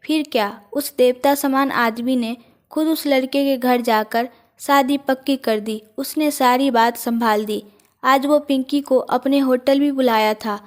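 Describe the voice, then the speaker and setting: A woman's voice: sits high, fairly even intonation, measured pace. A woman voicing a chatty, worried mother. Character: worried middle-aged mother on the phone.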